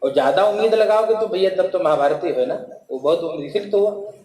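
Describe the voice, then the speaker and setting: A man's voice: high voice, animated, fast, darkish tone, reverberant, poor audio. A man telling a devotional story as a preacher, slipping into character voices and chanted verses. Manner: folksy storytelling with acted quotes and chanted verses. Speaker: kathavachak preacher.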